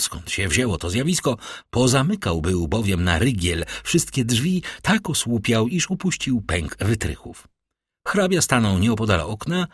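A man narrating an audiobook, reading in an expressive storytelling manner with a husky voice. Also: lowish voice, no echo, studio quality. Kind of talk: scripted narration.

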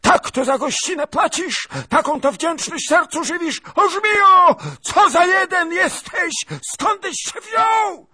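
A man's voice: very high-pitched, takes it slowly, hardly any pauses, pushed and bright, dry recording, clean studio sound, pitched above the performer's own voice, heavily acted. A man voicing a furious, proud older noblewoman who shrieks scornful insults. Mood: enraged.

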